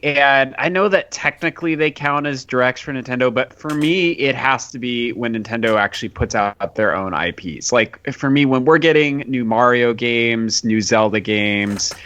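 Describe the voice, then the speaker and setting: A man's voice: medium pitch, normal speed, few pauses, fairly bright tone. A man co-hosting a podcast in a casual discussion style. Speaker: podcast co-host.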